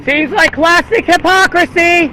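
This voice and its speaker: With a very high, sharp voice and a measured pace, an American man stands by a busy road protesting, chanting slogans over and over and chatting with passersby. The recording picks up a noisy street and traffic.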